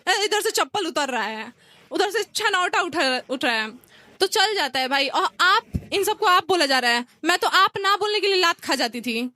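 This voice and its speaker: A young woman from India, performing stand-up comedy and telling lively stories in which she acts out relatives and friends. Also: very high voice, moderate pace. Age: young adult.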